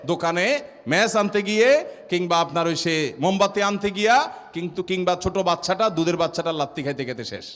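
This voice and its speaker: A man's voice: high voice, fairly bright tone, big-room sound. A man preaching a sermon, telling a story and asking his listeners the same question again and again. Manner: storytelling with a repeated rhetorical question. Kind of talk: waz sermon.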